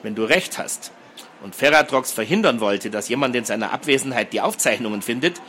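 A man reading a fantasy story and voicing a thoughtful teenage boy who talks in a measured, quiet way. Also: mid-range voice, expressive, a little hiss or hum, lightly acted.

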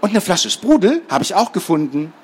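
Bold restless kid voice, a bit higher, eager and pushy , as a man puts him on. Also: big pitch swings, a little fast, a little hiss or hum.

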